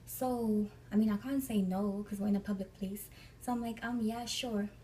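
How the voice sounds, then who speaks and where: Young woman, from Africa, chatty storyteller, mellow voice, mic at a distance. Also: medium pitch, steady tone, normal speed, a little hiss or hum. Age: young adult. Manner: chatty, acts out the people she quotes. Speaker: vlogger. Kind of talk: storytime vlog.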